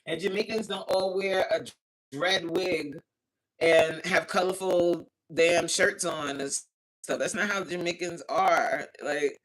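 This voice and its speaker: An American woman hosts a casual livestream, reading the chat aloud in a lowish voice at a slow pace. She's animated and outspoken, exclaiming often and laughing as she goes, though the recording is rough.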